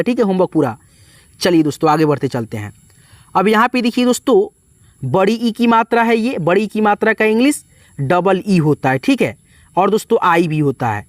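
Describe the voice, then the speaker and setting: A man's voice: sits high, dry recording, clean studio sound. A man teaching a spelling lesson, spelling words letter by letter and often checking in with his viewers. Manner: spells letter by letter, repeats "ठीक है" and "दोस्तों". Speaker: English teacher.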